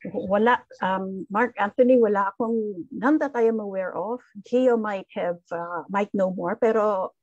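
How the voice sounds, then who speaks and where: A woman's voice: medium pitch, a little slow, hardly any pauses, darkish tone, no echo, lo-fi sound. A woman from the Philippines, a former teacher, answering audience questions in an online forum and switching between Tagalog and English as she thinks aloud. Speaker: guest speaker, former teacher.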